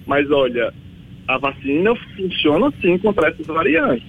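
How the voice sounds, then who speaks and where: A man from the backlands of Bahia with a Bahian Brazilian accent and a husky voice, explaining as an expert guest in an informal, emphatic way. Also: a little high, big pitch swings, measured pace, narrow, tinny audio. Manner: emphatic, colloquial, checks listener understands. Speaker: vaccine researcher, interview guest.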